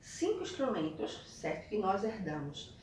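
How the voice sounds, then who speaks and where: A woman's voice: medium pitch, sing-song, unhurried, a little mellow, heavy reverb, far from the mic, slight background noise. A woman from Brazil teaching a video lesson, guiding children through textbook exercises and checking in with frequent tag questions. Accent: Brazilian Portuguese.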